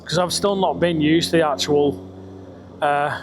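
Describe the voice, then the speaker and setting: A man's voice: on the high side, a little slow. British man talking inside a helmet, engine noise. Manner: chatty, rambling, swearing. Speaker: vlogger. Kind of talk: casual ride-along motorbike vlog chat. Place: outdoors, riding a motorbike on country roads. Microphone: microphone inside a helmet. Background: motorbike engine and road noise.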